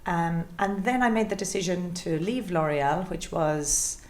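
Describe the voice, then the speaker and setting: Speaking at a moderate pace and a fairly low pitch, this interview guest recounts her career in a relaxed, conversational way. She's a chief executive in her late forties from Galway, with a west of Ireland accent.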